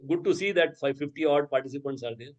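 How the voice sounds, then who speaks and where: His voice slightly high and his delivery fast, a man lectures teachers via video call while dull audio flattens the sound. He's the workshop resource person, an Urdu first-language speaker who explains and keeps asking "okay" and "right?".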